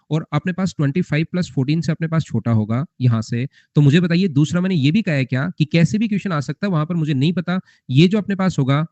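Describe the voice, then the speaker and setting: A young male math teacher lecturing in a somewhat high, mellow voice, coaxing and repetitive, forever asking his students whether they remember. The sound is muffled and lo-fi, close and dry with no room echo. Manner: repetitive, coaxing, quizzing students with rhetorical questions. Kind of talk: live class lecture. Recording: muffled lo-fi recording.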